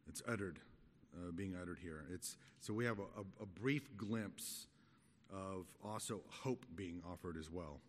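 A middle-aged man giving an expository Bible study in a halting, conversational, explanatory manner. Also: deep voice. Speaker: Bible teacher. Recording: echoey hall with long reverb.

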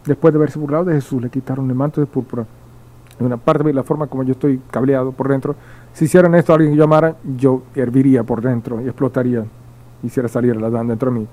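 Dark-voiced man preaching a sermon. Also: mid-range voice, level tone, fast, low-quality recording. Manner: reads verses aloud, then explains them with repeated emphasis; slips and restarts at times. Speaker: pastor. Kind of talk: midweek sermon with Bible reading.

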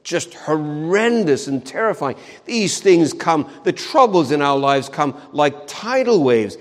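A man preaching a sermon in an earnest way, repeating words for emphasis and slowing down on key phrases. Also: on the high side, very animated, in a large hall. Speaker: pastor.

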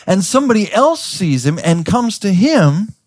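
A man's voice: sits high, very animated, normal speed, a little mellow, no echo, studio quality. A man preaching a sermon as pastor. He tells the story in a conversational way, with stammers and restarts, and acts out the characters' voices.

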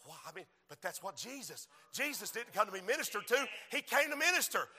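A man preaching a sermon with rhythmic repetition, moving from quiet talk to shouting. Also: high-pitched, very animated, fairly quick, breathy edge, big-room sound. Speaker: preacher and school principal.

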